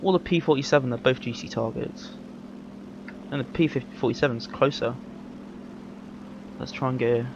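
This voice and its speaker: A man's voice: mid-range voice, normal speed, long pauses. A man giving casual, rambling commentary while playing a video game, often correcting himself mid-sentence in an easygoing way. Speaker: gameplay commentator. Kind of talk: casual live gameplay commentary. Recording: dull lo-fi mic with game noise. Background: game engine and vehicle noise.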